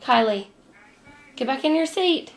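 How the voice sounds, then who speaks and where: High-voiced mom coaxing her kids. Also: lively intonation, unhurried, soft background music. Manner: coaxing, talks sweetly to small children. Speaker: mother filming her kids. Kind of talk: casual family vlog.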